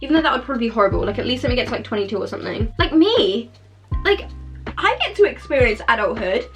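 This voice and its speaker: A woman's voice: a little high, animated, quick pace, low-quality recording. A seventeen-year-old girl chatting through a get-ready-with-me makeup vlog, rambling, swearing a lot and mocking herself. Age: teens. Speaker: beauty vlogger. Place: warm bedroom at a makeup mirror. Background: music playing in the background.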